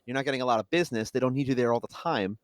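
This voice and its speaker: A young man from Long Island rattles along at a brisk clip, chatting casually as a guest. His delivery is animated and quick, with laughter slipping in between phrases. The sound is dry and close, with no room around it. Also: mid-range voice, dry recording. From Long Island, New York. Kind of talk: casual chat.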